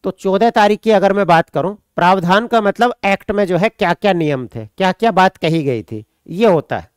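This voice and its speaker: A man's voice: sits high, lively intonation, moderate pace, smooth, no echo, clean studio sound. A man from India, teaching an online exam-prep class. He repeats points, dictates notes and answers students' questions.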